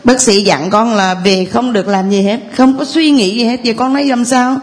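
A woman's voice: a little high, moderate pace. A woman, telling a long, rambling, earnest story of faith to a priest in church. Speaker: parishioner giving testimony. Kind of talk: tearful church testimony.

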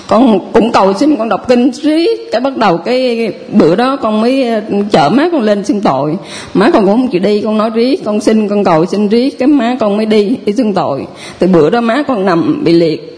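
A woman with a southern Vietnamese accent, a parishioner giving a personal testimony in a halting, rambling way with many restarts. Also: on the high side, a little mellow.

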